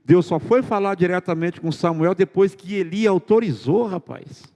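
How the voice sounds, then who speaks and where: Man preaching, pastor, rhetorical questions, slightly high voice, long church reverb. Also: moderate pace, dark tone. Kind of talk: sermon.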